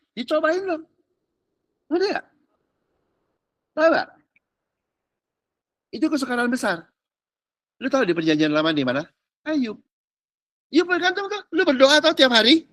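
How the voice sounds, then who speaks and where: A man's voice: very high voice, big pitch swings, unhurried, pauses often, fairly bright tone, dry recording. A male pastor preaching casually, with slang and rhetorical questions, slipping in English phrases. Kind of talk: sermon.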